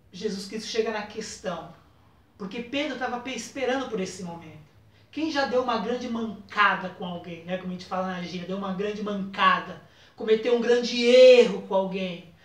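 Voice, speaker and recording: Brazilian woman, sermon, storytelling, acts out dialogue, distant mic, reverberant room. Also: a little high. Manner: storytelling, acting out dialogue with big swings in loudness. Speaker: preacher. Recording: echoey room, voice from far off the mic.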